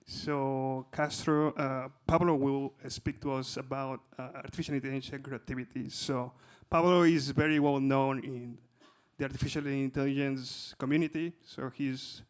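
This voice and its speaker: Conference host, male, smooth resonant voice, hesitant intro full of uhs. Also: mid-range voice, steady tone, moderate pace, few pauses. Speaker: event host. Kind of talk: introducing a speaker.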